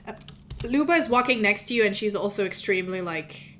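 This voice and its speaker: This woman, whose first language is Russian, runs the game as its narrator in a loose, talkative style, fixing her own mistakes and laughing when she stumbles. She speaks fairly quickly in a mid-range, expressive, fairly bright voice, with a little noise in the background.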